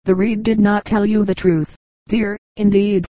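Happy babbling brook that talks sweetly , read by a woman, calm flat delivery, dry. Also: medium pitch, a little slow, no room sound, lightly acted, poor audio. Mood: fond. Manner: gentle, fond and rambling. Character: cheerful chattering brook, endlessly happy.

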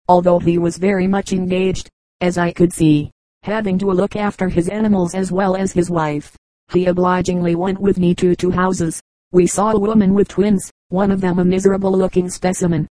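A woman reading a book aloud as an audiobook narrator, with steady, measured narration. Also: lowish voice, no echo, poor audio. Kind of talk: scripted narration.

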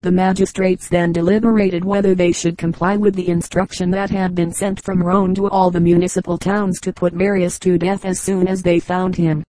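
Female audiobook reader for a history text; steady, measured delivery, low and monotone. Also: dry recording, rough recording. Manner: measured, even reading. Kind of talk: scripted narration of a history book.

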